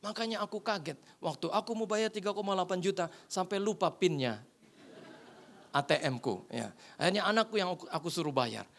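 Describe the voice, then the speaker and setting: Guy pastor telling a funny story from the pulpit, lively, does the voices of the people in it. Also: sits high, fairly quick, gravelly, slight background noise. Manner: animated, acts out the voices in his anecdotes. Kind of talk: humorous sermon storytelling. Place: church.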